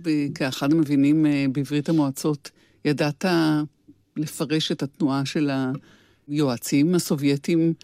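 A woman's voice: low-pitched, fairly even intonation, dark tone, no room sound. A woman with an Israeli accent asking short, pointed questions as a radio interviewer.

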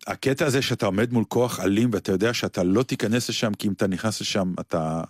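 A man's voice: on the low side, no room sound, studio quality. A man co-hosting a casual radio chat, bantering and acting out comic sketches. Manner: lively banter, acts out sketches. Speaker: radio co-host.

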